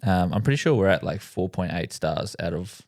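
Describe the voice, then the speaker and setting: Laid-back low-voiced man hosting a podcast. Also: animated, moderate pace, a little mellow. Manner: laid-back, swears often, laughs easily. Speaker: podcast co-host. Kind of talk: casual podcast chat.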